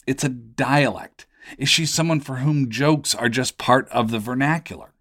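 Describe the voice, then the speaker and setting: A man's voice: medium pitch, moderate pace, a bit bright. Male host, mid-range voice, wry and conversational, for podcast narration and interviews. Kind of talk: scripted narration and casual interview.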